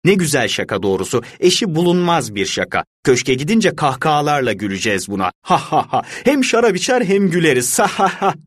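Brief: a man playing a frantic, high-pitched captive man, shrill laughter and pleading, audiobook drama. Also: big pitch swings, fairly quick, hardly any pauses, husky, dry recording, clean studio sound. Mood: hysterical.

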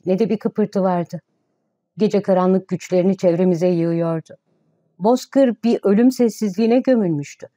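A woman narrating a story in a steady, measured reading. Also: medium pitch, no room sound. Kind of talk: audiobook narration.

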